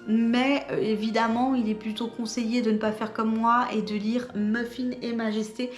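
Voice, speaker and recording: A woman's voice: a little high, flat delivery, moderate pace, reverberant, faint music behind. A woman chatting casually about the books she bought, hesitating often with fillers. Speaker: book vlogger. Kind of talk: casual book haul chat.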